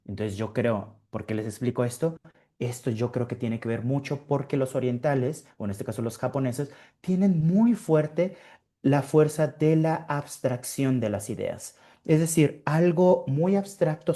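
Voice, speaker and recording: A man's voice: mid-range voice, dark tone. A man presenting a webinar lecture, explaining in a conversational way with frequent fillers and tag questions, over a computer microphone. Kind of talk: informal online lecture.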